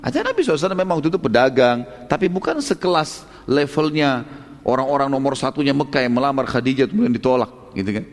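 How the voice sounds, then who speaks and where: A male preacher telling a story in a sermon, lively, with frequent tag questions. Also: mid-range voice, very fast, in a large hall.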